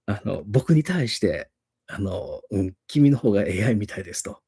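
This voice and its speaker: A man's voice: fairly low pitch, very animated, moderate pace, mellow, slightly rough. A middle-aged man with an Osaka accent, an English teacher casually retelling a story and often chuckling. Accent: Osaka dialect.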